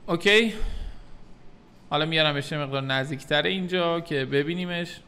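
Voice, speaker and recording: Man, software tutor; bright, slightly high voice, calm step-by-step delivery. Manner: calm step-by-step explaining, addresses viewers as kids. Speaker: 3D modeling tutor.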